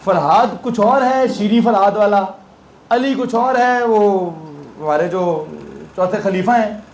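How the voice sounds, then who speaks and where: A man's voice: high voice, takes it slowly, darkish tone. A man with a Pakistani Urdu accent teaching physics in a classroom, conversational, quizzing his students with playful asides. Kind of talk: classroom lecture.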